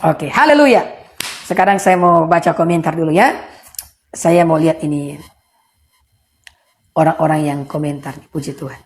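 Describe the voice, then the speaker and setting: A woman's voice: low-pitched, moderate pace, long pauses. A woman preacher giving a livestream sermon, speaking emphatically, repeating her points and addressing listeners directly. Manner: emphatic, repetitive, addresses listeners as brothers and sisters.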